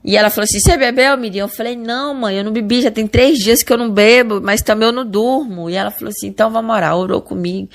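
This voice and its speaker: A woman's voice: mid-range voice, racing, few pauses. A woman with a Brazilian accent giving an earnest spoken religious testimony, often restarting and repeating words. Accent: Brazilian Portuguese. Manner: earnest, addresses listeners as brothers. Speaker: church member giving testimony.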